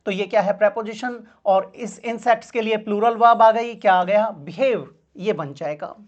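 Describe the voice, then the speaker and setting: A woman's voice: mid-range voice, normal speed, muffled recording. A woman teaching an English grammar lesson for exam preparation, asking her class questions and answering them herself, calling her students "beta".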